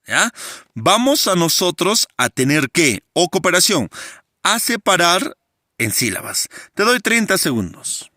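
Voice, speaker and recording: A male teacher giving a grammar lesson, often asking his students questions and drawing out key words slowly. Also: high-pitched, no room sound, studio quality. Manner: animated, asks students frequent questions.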